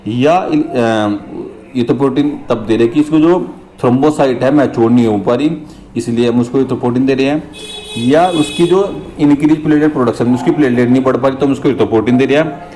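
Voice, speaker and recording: A man tutoring for nursing exams. He reads English questions slowly and explains them in Hindi, repeating terms and often checking in with his viewers as friends. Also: mid-range voice, warm tone, a little hiss or hum. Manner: addresses viewers as friends, frequent "theek hai" check-ins. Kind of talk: exam question walkthrough.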